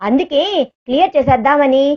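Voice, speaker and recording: A woman's voice: high-pitched, brisk, close to an everyday voice. A woman voicing a teasing, caring young man in a romantic audio story, in a slightly dull recording. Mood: calm explaining. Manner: teasing, gentle, reassuring.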